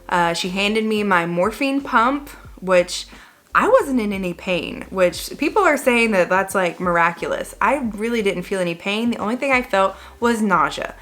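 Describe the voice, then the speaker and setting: A woman's voice: mid-range voice, fairly bright tone. A woman telling a personal story to viewers in a casual, rambling way, often saying "like" and correcting herself. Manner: rambling, conversational, frequent "like" and self-corrections. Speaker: vlogger.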